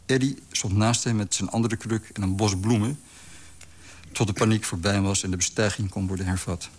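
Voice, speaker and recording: A man reading a literary story aloud in a calm, measured way. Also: on the low side. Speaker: narrator. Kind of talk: scripted literary narration.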